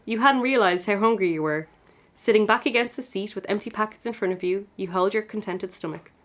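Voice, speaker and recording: A woman's voice: mid-range voice, a little fast. Giggly woman reading her old fanfic. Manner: giggly, self-mocking, laughs often while reading. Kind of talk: casual podcast chat and reading aloud.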